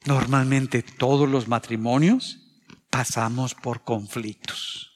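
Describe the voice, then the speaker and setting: Earnest Mexican preacher in a reverberant hall. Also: male voice, mid-range voice, fairly even intonation, takes it slowly. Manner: earnest, confessional, tells personal anecdotes. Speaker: pastor. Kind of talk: sermon.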